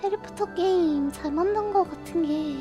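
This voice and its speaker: A woman's voice: very high-pitched, moderate pace, music in the background. A young woman streamer chatting casually to her viewers in a cute, sweet anime-streamer manner. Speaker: live streamer signing off.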